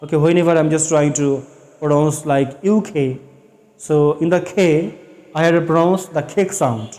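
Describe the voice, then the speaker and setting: A man with a Bengali accent teaching pronunciation, slowly spelling out and repeating sounds and mixing in English phrases. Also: a little high, darkish tone. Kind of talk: classroom-style lesson.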